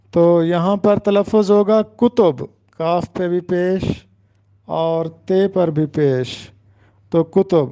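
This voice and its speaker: Guy with a high mellow voice going over word pronunciation slowly, kinda dull lo-fi sound. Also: clean tone, no room sound. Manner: careful, deliberate pronunciation drills. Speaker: Urdu teacher. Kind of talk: exam-prep lecture.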